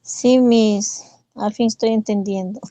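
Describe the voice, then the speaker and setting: A woman student on a video call answering her teacher, speaking slowly in a soft, mellow voice that sits a little high. The computer mic sounds dry and close. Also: steady tone, no echo.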